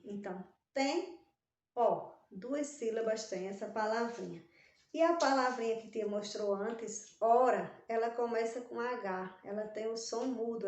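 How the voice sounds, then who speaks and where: A woman's voice: mid-range voice, darkish tone, echoey room. A Brazilian woman teaching young children in a recorded lesson, drawing out syllables with a sing-song stress on key words. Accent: Brazilian Portuguese. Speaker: primary school teacher.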